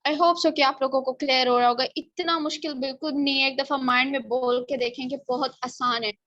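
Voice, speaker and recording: A woman's voice: high-pitched, steady tone, fairly quick, pushed and bright, no room sound. A woman explains a plan in a casual lesson, often asking rhetorical questions and checking "okay?". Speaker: presenter explaining a marketing plan. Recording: dull, slightly lo-fi dry recording.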